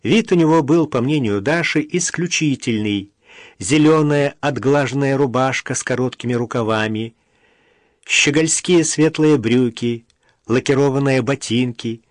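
Steady male audiobook narrator. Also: mid-range voice, measured pace, dry recording, clean studio sound.

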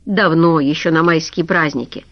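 A woman voicing a weak, guilty man who confesses through tears, halting and apologetic. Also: deep voice, no echo. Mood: tearful. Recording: dull lo-fi recording.

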